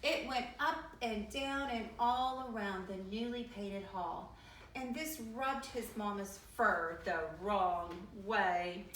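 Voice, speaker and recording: A woman reading a children's picture book aloud in a lively, playful way. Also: mid-range voice, takes it slowly, a little hiss or hum. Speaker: storyteller. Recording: echoey room, mic at a distance.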